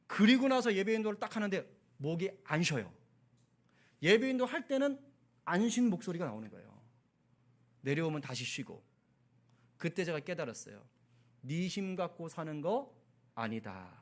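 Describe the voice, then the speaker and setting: A male pastor preaching a sermon, telling a personal story with animated delivery and acted-out dialogue. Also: a little high, moderate pace, long pauses.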